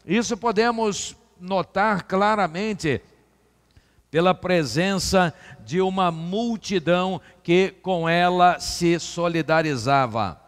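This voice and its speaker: A man preaching a sermon as pastor, slow and dramatic, with rhetorical repetition. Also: sits high, in a large hall. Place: church hall.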